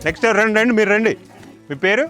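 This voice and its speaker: A man hosting a village game show outdoors, loudly counting to ten and joking with the villagers. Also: sits high, very fast, soft background music.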